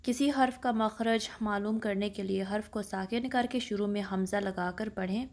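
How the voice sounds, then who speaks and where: A woman's voice: medium pitch, a little mellow. A woman teaching an online Quran pronunciation lesson, explaining step by step and slipping English phrases into Urdu. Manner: slowly draws out example words for practice; careful, apologetic about her Urdu reading.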